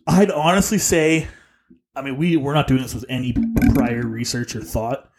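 A young man co-hosting a casual sports podcast, excitable, swearing and quick to laugh. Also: mid-range voice, a little hiss or hum. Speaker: podcast co-host.

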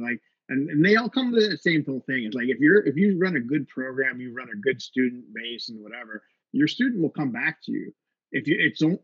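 Husky thirtysomething guy rambling about coaching, dry kinda muffled audio. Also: mid-range voice, no room sound. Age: 30s. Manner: rambling, many fillers and restarts. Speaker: jiu-jitsu instructor and gym co-owner. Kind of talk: casual podcast chat.

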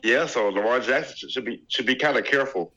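A man with a congested voice co-hosting a casual sports debate podcast, measured and pausing to find his words. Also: mid-range voice, sharp tone, dull audio. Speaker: podcast co-host.

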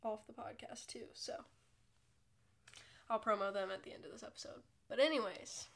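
A young woman hosts her own podcast while congested from a cold, chatting casually in a rambling, self-deprecating way. Her voice is fairly high, gravelly and fairly bright, at a moderate pace.

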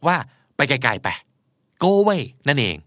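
A man teaching English vocabulary and idioms, acting out example lines in English with animated delivery. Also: medium pitch, takes it slowly, no room sound, clean studio sound. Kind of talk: vocabulary lesson.

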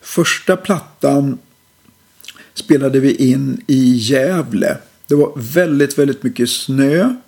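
Middle-aged male musician guest, gravelly and dark-toned, unhurried and reflective. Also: mid-range voice. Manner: relaxed, reflective storytelling with many fillers. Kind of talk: casual interview talk.

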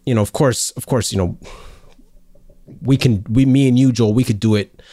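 A man co-hosting a casual podcast, talking in a halting way with many fillers and restarts. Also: medium pitch, mellow, no echo, clean studio sound. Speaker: podcast co-host.

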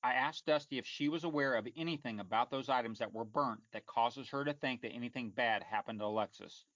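A man delivers scripted true crime narration as the host, in a measured and formal reporting manner. His middle-pitched voice sits very dry and close. The recording is slightly dull on top. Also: fairly bright tone, no echo.

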